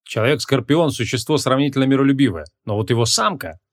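A man's voice: medium pitch, lively intonation, fast talker. A man reading the part of a stern, short-tempered male archmage in an audiobook, with commanding, curt questions.

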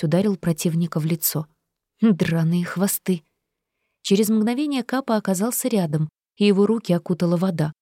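A woman narrates a first-person audiobook in an even, steady way. Her voice sits fairly low, and the recording is dry and close to the mic. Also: no echo.

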